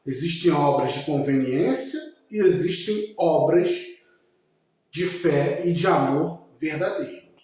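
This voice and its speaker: A man giving a slow, emphatic religious talk, speaking directly to his listeners. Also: fairly high pitch, animated, a little mellow. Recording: very echoey room.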